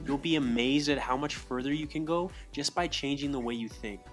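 A man's voice: mid-range voice, fairly quick, faint music behind. A man giving encouraging, direct motivational advice on fitness and mindset as a soccer coach. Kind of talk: motivational voice-over.

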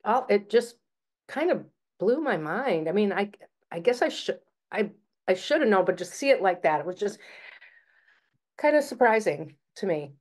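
A woman speaking haltingly with many restarts in a casual book club discussion over a video call. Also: medium pitch, very animated.

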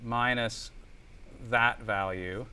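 A man teaches a classroom lecture indoors, speaking extremely slowly in a medium-pitched, steady voice that is sharp, clear, and resonant. He demonstrates a spreadsheet step by step and often checks in with quick tag questions.

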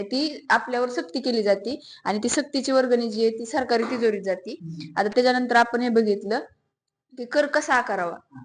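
Woman, student, somewhat high voice, hesitant, filler pauses. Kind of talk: reciting a lesson in class. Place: classroom.

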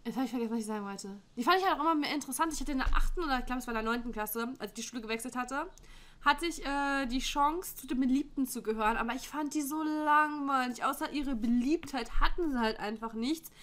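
Young woman, fairly high voice, blunt chatty quiz-reaction vlogger who laughs easily, at home on a desk mic. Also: fast talker, a bit bright. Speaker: YouTuber. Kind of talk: casual chat reacting to an online quiz. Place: home room with window open. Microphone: desk microphone.

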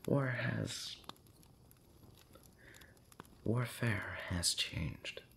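In a lowish voice, a man who makes audio roleplay content rambles intimately late at night, ASMR-style. He is breathy, often whispering, and hesitant, drifting into long pauses and soft hums. There's slight background noise.

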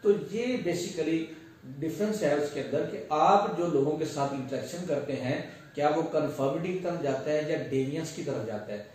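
A man's voice: a little high, normal speed, darkish tone. A man giving a patient, step-by-step lecture that he explains with everyday examples. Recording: very echoey room, voice far from mic.

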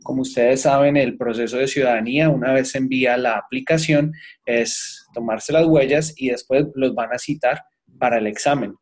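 A man's voice: mid-range voice, steady tone, moderate pace. A man with a Colombian accent, an accountant presenting an earnest seminar talk on a video call. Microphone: webcam on a video call.

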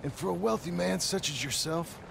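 An actor playing a gruff outlaw in a video game, talking with dry, sarcastic menace. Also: male voice, high-pitched, brisk, noisy background. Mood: wry menace. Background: game music.

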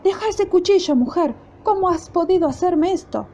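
A woman's voice: very high voice, animated, moderate pace, mellow, voice pushed up. A woman with an Argentine accent voicing a grumpy, complaining husband in a told fairy tale. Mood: whiny. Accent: Argentine Spanish. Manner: gruff and whiny. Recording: dull lo-fi recording, faint noise.

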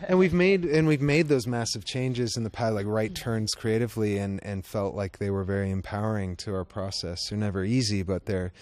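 A man's voice: fairly low pitch, fairly even intonation, fairly quick, few pauses, a little mellow, no room sound. A man in a band answering interview questions backstage, thoughtful and restarting his sentences often. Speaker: band member.

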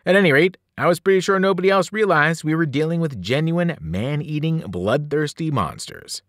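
Animated man reading a story aloud. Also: normal speed, no echo, clean studio sound. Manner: animated storytelling, shifting pitch and loudness with the action. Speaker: teacher reading a novel aloud. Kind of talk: expressive read-aloud narration.

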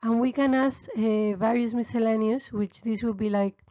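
A woman's voice: on the high side, fairly even intonation, normal speed, warm tone, dry recording, lo-fi sound. A woman teaching restaurant stock-taking over a screen recording, explaining steadily with frequent fillers. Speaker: restaurant finance tutor. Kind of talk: screen-recorded spreadsheet tutorial.

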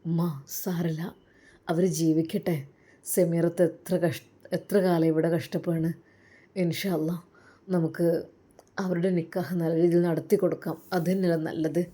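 A woman voicing a gentle young father in a storybook tale, soothing his little girl. He speaks tenderly and coaxingly, a touch lower than a woman's usual voice. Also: level tone, moderate pace, long pauses, lightly acted. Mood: reassuring.

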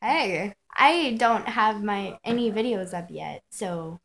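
A woman's voice: mid-range voice, slow, creaky, background noise. A young woman chatting casually as a vlog co-host, recorded indoors on a phone held out on a selfie stick. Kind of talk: casual chat. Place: small dim room indoors. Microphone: phone on a selfie stick at arm's length.

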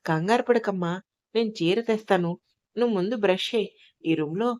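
Caring, sharp-tongued old grandmother, voiced by a woman storyteller; fussing and scolding. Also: medium pitch, brisk, natural voice.

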